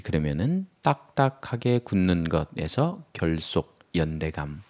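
A man's voice: low voice, big pitch swings, unhurried, darkish tone. A man teaching English vocabulary, explaining word roots and acting out example sentences with playful memory tricks. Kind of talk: lively vocabulary lecture.

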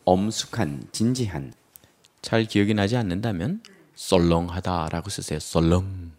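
A man's voice: low-pitched, moderate pace, darkish tone. A man teaching English vocabulary, explaining word roots and acting out example sentences with playful memory tricks. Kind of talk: lively vocabulary lecture.

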